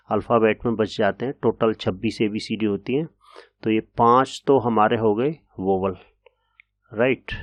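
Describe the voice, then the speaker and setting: A man with a fairly low voice talks students through a grammar point as their teacher. He explains patiently and often pauses on a drawn-out filler before going on. The recording is dry and close, with no room sound. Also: no room sound, highs cut off. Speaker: English teacher. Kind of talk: classroom lesson explaining grammar.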